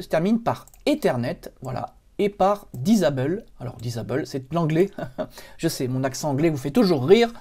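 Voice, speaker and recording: A man's voice: a little high, warm tone. A man hosting a computer tutorial, explaining each step on screen in a chatty way with many fillers. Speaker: computer help tutorial host. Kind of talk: screen-recorded software tutorial.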